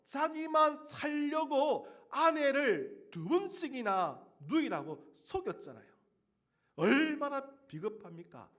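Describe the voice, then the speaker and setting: A male pastor preaching a sermon, asking the congregation rhetorical questions and breaking into sudden loud outbursts. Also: high-pitched.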